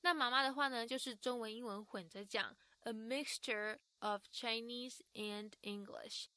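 A woman co-hosts a podcast and narrates chatty, lively recaps between the clips. Her voice sits a bit high and sounds bright. The sound is dry and close. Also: unhurried, dry recording. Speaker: podcast co-host.

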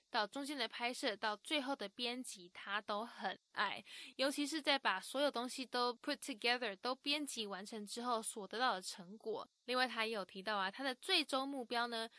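A woman co-hosting a podcast, narrating lively recaps between interview clips. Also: a little high, dry recording. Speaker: podcast co-host.

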